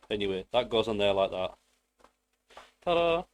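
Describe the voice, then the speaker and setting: A man's voice: lowish voice, a little slow, a little mellow. A British man giving a casual hands-on build tutorial in a rambling, self-deprecating way with playful asides. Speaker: hobbyist presenter.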